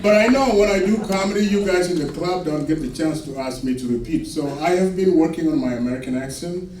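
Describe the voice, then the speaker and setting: A man from Sudan with a Sudanese accent doing a stand-up comedy set on a club stage, delivering his punchlines slowly and deadpan. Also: a little high, distant mic, background noise. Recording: echoey club recorded from afar with laughing crowd. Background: audience laughter.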